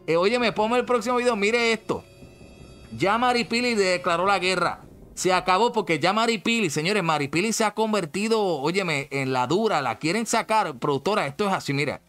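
A Puerto Rican man hosting an animated gossip show, emphatic, repeating himself and ordering his producer around. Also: sits high, normal speed, faint music behind. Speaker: show host.

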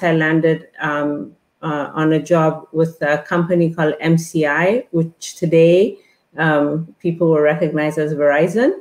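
Low-voiced woman from Ethiopia, halting. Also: echoey room. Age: middle-aged. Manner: hesitant, many fillers and restarts. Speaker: guest. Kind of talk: online interview. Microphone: earbud headset on a video call.

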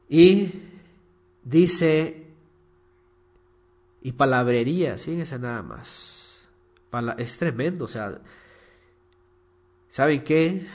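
A man preaching a sermon, emphatic and fond of mocking impressions of shouting preachers. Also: a little high.

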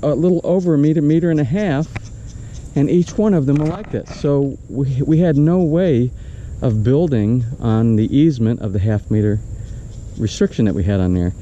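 Older guy rambling to his action cam outside, super mellow dark voice, kinda muffled audio. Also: mid-range voice, moderate pace, slight background noise. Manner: rambling, restarts often, points things out. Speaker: vlogger. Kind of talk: casual walk-and-talk vlog. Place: outdoors on a tropical roadside lot. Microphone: action camera held at arm's length.

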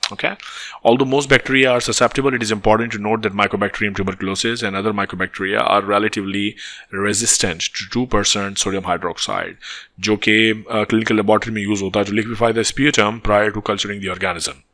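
A low-pitched man with a Pakistani accent gives a medical lecture at a quick pace. He is a native Urdu speaker who reads from a text and adds explanations, slipping between English and Urdu. His voice is bright and forceful. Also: steady tone. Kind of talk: lecture, reading a textbook aloud with explanations.

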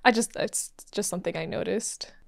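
A young woman hosting an anime reaction, gushing with excitable, giggly comments and gasps. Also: medium pitch, moderate pace, creaky.

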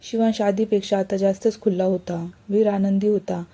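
A woman narrating a romance story at a steady, even pace. Her tone is very dark and mellow, with a husky, breathy grain. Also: medium pitch, normal speed.

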